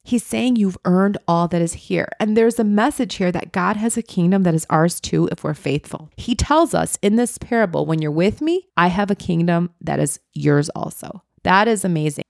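A woman co-hosting a casual faith podcast, retelling a parable with lively, playful character voices. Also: on the low side, normal speed, gravelly, hardly any pauses, no echo, clean studio sound. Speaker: podcast co-host.

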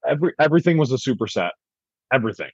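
A man's voice: mid-range voice, sing-song, racing, darkish tone, husky, dry recording. Young male guest, chatty and profane, many fillers, muffled dry audio. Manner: rambling, heavy use of "like", profane. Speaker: podcast guest. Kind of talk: casual storytelling. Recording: dry, dull lo-fi podcast audio.

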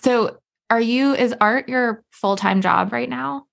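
Gravelly-voiced woman hosting a podcast. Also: a little high, slow, a bit bright. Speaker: podcast host and bookshop owner. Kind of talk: podcast interview.

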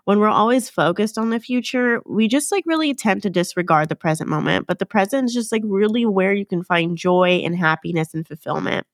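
In a casual solo podcast, a woman with a mid-range, expressive voice talks fairly quickly with hardly any pauses. She's chatty and upbeat but nasal from a cold, using fillers and frequent self-corrections, and the studio sound is clean with no room sound.

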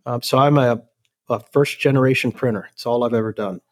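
An older man from El Salvador, a company president talking as a guest in a relaxed, rambling way with many ums and restarts. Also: mid-range voice, fairly quick. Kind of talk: casual interview chat.

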